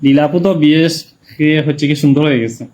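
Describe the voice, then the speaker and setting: A man's voice: fairly high pitch, fast talker, a little mellow, highs cut off. A man with a Sylheti Bengali accent chatting casually on a live stream, reading viewers' comments and greeting them by name.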